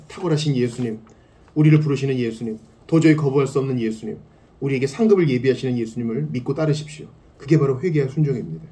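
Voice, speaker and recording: Impassioned male preacher in an echoey hall. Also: mid-range voice. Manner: impassioned preaching, rising to loud emphasis and dropping to hushed tones. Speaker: pastor. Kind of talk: sermon.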